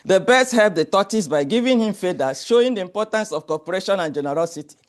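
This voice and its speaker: A man presents at an academic conference in a measured, explanatory way. His voice sits a little high for a man, and he keeps things orderly, slide by slide. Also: lively intonation. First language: Igbo. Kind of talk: academic presentation with folk tale.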